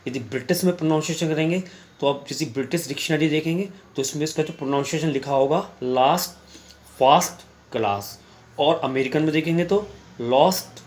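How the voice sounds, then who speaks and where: A man teaching a class in Hindi, reading English examples slowly and answering his own questions as he explains. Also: fairly high pitch, a little hiss or hum. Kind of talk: classroom lecture.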